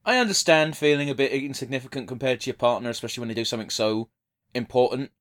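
A man's voice: mid-range voice, fast talker, a bit bright. A man giving casual, blunt, sweary commentary as a podcast co-host. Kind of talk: casual watch-along commentary.

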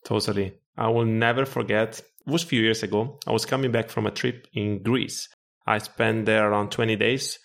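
A young man who grew up in Italy, chatting casually and relaxed as a podcast host. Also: on the low side, moderate pace, vocal fry. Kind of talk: casual conversation.

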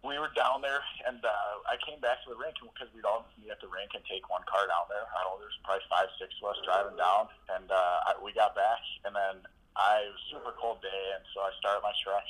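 A young man from Minnesota, a hockey player and podcast guest, telling a story casually, relaxed and rambling, with lots of fillers. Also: fairly low pitch, fairly quick, low-quality recording. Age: young adult.

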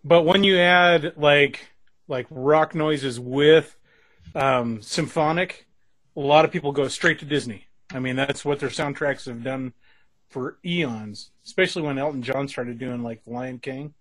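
A man co-hosting a casual music review show, easygoing and quick to laugh, explaining things in a halting way. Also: mid-range voice, fairly bright tone, dry recording. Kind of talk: casual chat.

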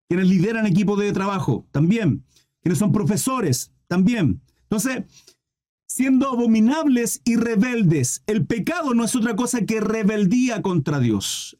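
A man's voice: high voice, darkish tone. A man preaching a sermon, calling his listeners brothers and asking them rhetorical questions.

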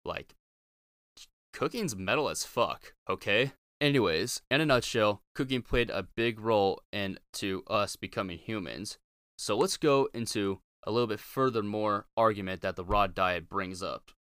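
Low, clear-voiced male podcast host. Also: normal speed, a bit bright, no echo, studio quality. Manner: informal, blunt, sweary. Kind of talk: casual opinionated podcast monologue. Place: small closet in a home bedroom.

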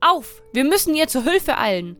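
Brave young brother, urgent, reassuring, done by a woman, fairly high, soft music behind. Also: big pitch swings, normal speed. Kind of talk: fairy tale reading.

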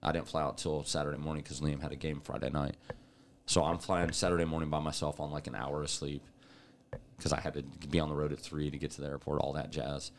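Deep-voiced male podcast co-host, animated storyteller, casual. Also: fast, a little hiss or hum. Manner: animated storyteller, laughs often. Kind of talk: casual chat.

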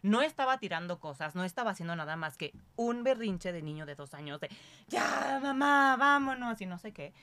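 A woman's voice: lowish voice, lively intonation, quick pace, few pauses. A Mexican woman in her thirties tells a story in a casual chat. She talks animatedly, acts out what others said, and drops casual swear words along the way. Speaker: podcast co-host.

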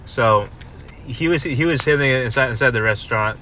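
A man's voice: medium pitch, a little fast, pushed and bright, slight background noise. A man in his twenties co-hosting a podcast in casual chat, rambling with lots of fillers and restarts. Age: 20s. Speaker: podcast co-host.

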